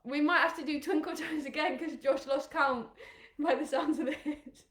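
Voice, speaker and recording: Over a live stream, a cheerful, encouraging Englishwoman runs little kids through rugby games, calling out countdowns as she goes. Her bright, high voice keeps a fairly even intonation at a moderate pace, echoing around the room, and at times she gets a bit breathless.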